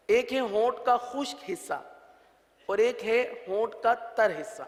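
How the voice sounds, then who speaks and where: Pakistani Urdu male teacher, patient, drills each letter sound slowly, highish voice, long reverb tail. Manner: patient, repeats sounds drawn out for students. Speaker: Quran reading teacher. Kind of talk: religious letter-pronunciation lesson.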